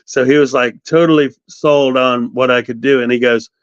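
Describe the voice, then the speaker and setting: Man in his fifties, animated storyteller, middle pitch, dry dull call audio. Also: normal speed, clear, resonant tone, no echo. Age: 50s. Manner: animated storyteller, quotes others. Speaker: guest. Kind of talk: casual storytelling interview. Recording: dry, slightly dull sound.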